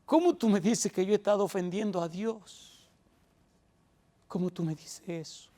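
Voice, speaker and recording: A man's voice: fairly high pitch, animated, moderate pace, warm tone, lightly acted. A male preacher voicing an elderly father near ninety who pleads tenderly and rises into tearful questions. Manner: pleading, rising emotional questions.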